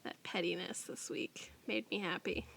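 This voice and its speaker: A woman co-hosting a podcast in casual chat, animated and swearing casually. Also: on the low side, normal speed, creaky, whispered. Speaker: podcast co-host.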